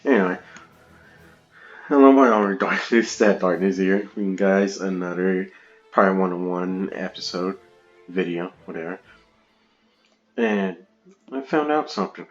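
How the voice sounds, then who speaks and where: A man's voice: low voice, expressive, measured pace, pauses often, lo-fi sound, soft background music. A man hosting a casual let's-play, chatting and rambling with frequent laughs through a gaming headset. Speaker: gamer, video host.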